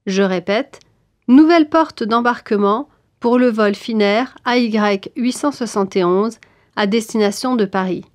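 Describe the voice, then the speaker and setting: A woman reading scripted airport announcements in a formal, clearly articulated manner. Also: on the high side, unhurried, dry recording, studio quality. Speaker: announcer in a listening exam.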